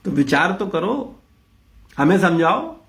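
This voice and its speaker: A man's voice: high-pitched, lively intonation, slow, creaky. A man leading an interactive spiritual discourse, blunt and rhetorical, questioning his listeners. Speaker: spiritual teacher leading a class.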